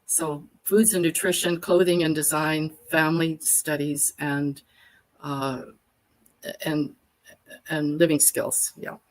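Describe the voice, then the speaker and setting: Slow and level in tone, this low female voice comes through on a low-quality recording. The speaker, an older workshop facilitator from Alberta, Canada, is a guest on a live video chat, where she tells her story at length in a chatty, storytelling way, giving long, detailed answers.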